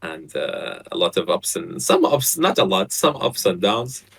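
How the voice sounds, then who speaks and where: A man's voice: sits low, a little slow, vocal fry, slightly rough. A young man in his twenties who grew up in Saudi Arabia, a podcast guest on a video call, talking casually with lots of fillers and restarts. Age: 20s. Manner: relaxed, hesitant, many fillers and restarts. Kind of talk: casual chat. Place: bright apartment room, indoors. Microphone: headset on a video call.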